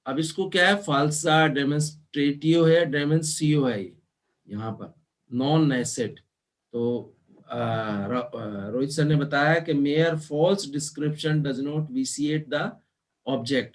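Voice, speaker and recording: Slow, patient male teacher. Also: a little high. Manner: slow and explanatory, spells words out letter by letter; mixes Hindi with English terms. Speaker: law teacher. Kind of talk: online class lecture.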